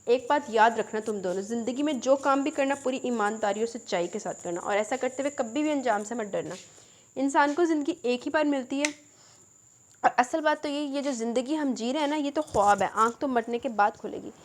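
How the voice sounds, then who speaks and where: A woman voicing an old father who gives his grown children soft, tender advice. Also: a little high, a little hiss or hum, lightly acted. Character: stern grieving old father.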